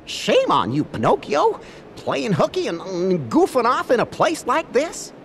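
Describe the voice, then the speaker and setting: A man voicing a chipper, scolding little cricket who serves as a conscience in a game, folksy and gently preachy. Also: very high voice, wildly swooping pitch, measured pace, creaky, faint music behind, full character voice. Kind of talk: animated game voice acting.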